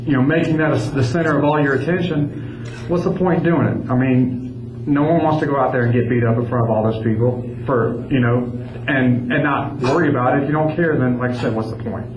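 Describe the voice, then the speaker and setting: A man's voice: medium pitch, fairly even intonation, brisk. A male fighter talks conversationally at a press conference, with a mid-range voice. The recording is echoey and slightly dull. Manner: conversational, frequent "you know". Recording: echoey room, dull sound, faint noise.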